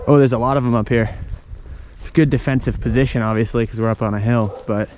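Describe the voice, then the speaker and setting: A fast-talking man with a medium-pitched, steady, darkish voice is heard over slight background noise. Strolling outdoors as a travel vlogger, he keeps things chatty and informal, explaining unscripted as he explores.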